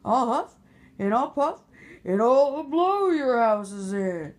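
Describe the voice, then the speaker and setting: A woman voicing a hungry, blustering male big bad wolf in a storybook tale, drawing out slow, booming threats. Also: big pitch swings. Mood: menacing.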